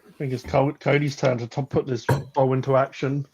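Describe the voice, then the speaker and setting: A man's voice: medium pitch, flat delivery, fairly quick, a little mellow, husky. A man in his thirties with an Australian accent, hosting a casual chat in a joking, rambling way. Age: 30s. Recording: muffled with faint noise.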